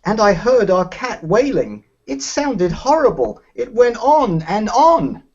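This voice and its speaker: A man's voice: high-pitched, big pitch swings, slow, darkish tone, husky, exaggerated voice. A man from England reading a worried husband whose cat has gone missing, in an earnest, plaintive way, for a children's play. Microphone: video call. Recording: dull lo-fi video call audio.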